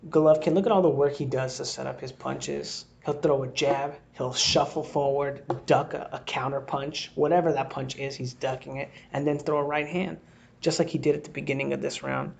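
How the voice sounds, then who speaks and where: Gravelly man breaking down fight footage. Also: medium pitch, fairly even intonation, moderate pace, muffled recording. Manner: thinks aloud, reacts to replays with exclamations. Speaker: boxing analyst. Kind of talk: casual fight breakdown commentary.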